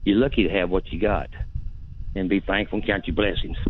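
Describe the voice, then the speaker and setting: A man's voice: low-pitched, steady tone, a little fast. A man calling in to a sports radio show over a phone line, blunt and rambling in a folksy way. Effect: heard over a phone line. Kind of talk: casual call-in opinion.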